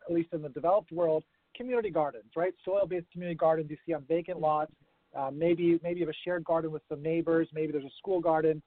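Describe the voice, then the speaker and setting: Interviewed remotely as a guest, an urban farming consultant who grew up around the world explains his field thoughtfully and without hurry, using a few fillers. He has an American-sounding accent and a slightly high voice. The recording is dry and thin, like a phone line.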